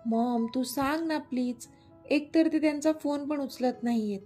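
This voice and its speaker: A woman's voice: on the high side, fairly even intonation, unhurried, dark tone, faint music behind, lightly acted. A woman voicing a worried young son who talks urgently and anxiously.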